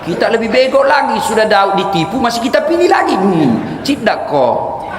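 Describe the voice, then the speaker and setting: A middle-aged man from South Sulawesi, giving a comic sermon in an animated, joking way with sudden shouts. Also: extremely high pitch, brisk, noisy background. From South Sulawesi, Indonesia. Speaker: preacher. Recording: echoey hall, faint ambience.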